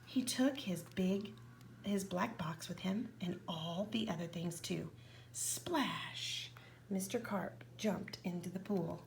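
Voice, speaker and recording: A woman reading a children's picture book aloud, with expressive narration that often drops to a whisper. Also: fairly low pitch, slow pace, vocal fry, background noise. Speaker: reader.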